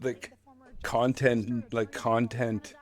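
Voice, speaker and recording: A man's voice: medium pitch, level tone, extremely slow. A man streaming an election night reaction, ranting and rambling with lots of filler words. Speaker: streamer hosting election watch. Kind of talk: casual reaction chat.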